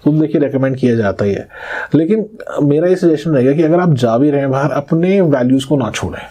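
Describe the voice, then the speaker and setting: A man talks as the astrologer guest on a podcast, laying out his points with examples. His voice is dark and mellow with a slight husk. He keeps checking that the listener is following. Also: fairly high pitch, lively intonation, a little fast. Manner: didactic, explains with examples and checks "ठीक है?". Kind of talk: explanatory podcast interview.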